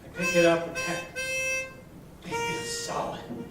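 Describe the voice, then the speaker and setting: Performing live at an indoor arts venue, an American man reads a hardboiled short story in the first person with dramatic, streetwise flair. His high voice swoops wildly in pitch at an unhurried pace, recorded from afar in an echoey space with guitar, harmonica, and percussion music playing.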